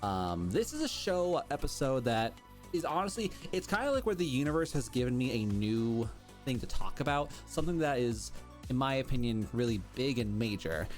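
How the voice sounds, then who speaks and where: A man's voice: mid-range voice, very animated, moderate pace. Effusive man hosting, music underneath. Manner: effusive, wordy, frequent "like". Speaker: podcast host. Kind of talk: casual interview chat. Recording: music behind the voice. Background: background music.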